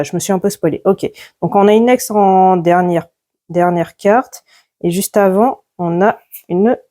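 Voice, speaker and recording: Woman host, low mellow voice, casual card-opening chatter, names cards one by one. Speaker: YouTuber opening card packs. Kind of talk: casual pack-opening commentary.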